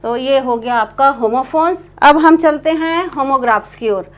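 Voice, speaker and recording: A woman teaching a grammar lesson, explaining slowly and repeating herself, spelling words out letter by letter. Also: sits high.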